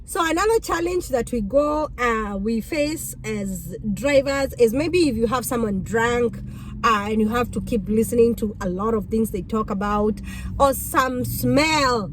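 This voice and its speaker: A woman with a Kenyan accent, whose first language is Kikuyu, tells animated, exclamatory stories about being a rideshare driver in a casual storytelling vlog. Her voice is on the high side and her pace measured, with background noise audible.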